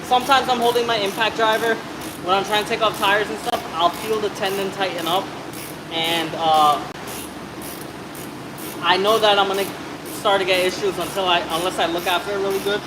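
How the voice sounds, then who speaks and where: A man's voice: high voice, fairly even intonation, moderate pace, noisy background. A man in his thirties, an auto mechanic talking casually and ramblingly through a brake job in a shop, swearing now and then. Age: 30s. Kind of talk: casual how-to narration while working. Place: auto shop with a truck on a hoist.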